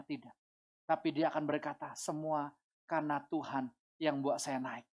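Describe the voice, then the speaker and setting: A woman pastor preaching a sermon, animated and rising to shouts for emphasis. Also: low voice.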